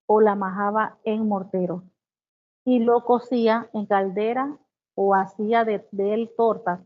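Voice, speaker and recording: Woman teaching a devotional over tinny audio. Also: mid-range voice. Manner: reads scripture slowly, then explains with exclamations. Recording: tinny phone-like sound.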